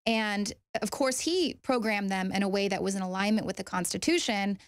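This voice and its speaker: A woman's voice: mid-range voice, normal speed, no room sound, clean studio sound. A woman presenting a news commentary segment in an eager, upbeat way.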